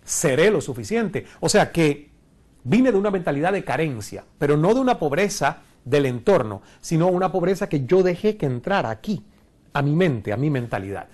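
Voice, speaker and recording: With big pitch swings, normal speed, and a darkish tone in a slightly high voice, a man in his forties from Cuba teaches an online course. He stands before a studio screen with a lapel mic, speaking earnestly and posing rhetorical questions in this recorded lecture.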